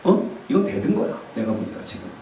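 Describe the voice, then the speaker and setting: A man's voice: mid-range voice, sing-song, quick pace, dark tone, a little hiss or hum. A male pastor preaching a sermon, asking the congregation questions and acting out quoted speech. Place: church sanctuary. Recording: echoey church hall, distant mic.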